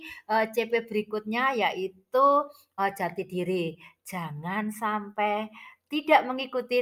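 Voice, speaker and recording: A woman's voice: medium pitch, fairly bright tone. A woman with a Javanese accent gives an informal, chatty tutorial for teachers, her speech slightly muddled by a toothache. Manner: chatty, explanatory, addressing listeners directly. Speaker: early childhood teacher giving an online tutorial. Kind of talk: informal instructional explanation for teachers.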